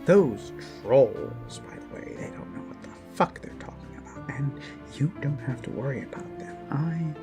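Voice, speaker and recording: In an intimate ASMR roleplay, a man with a mid-range voice plays an obsessive yandere kidnapper who is gushing, menacing and self-abasing like a zealot. His cold, possessive murmurs come out halting and creepy, then break into sudden emphasis, with music beneath his close voice.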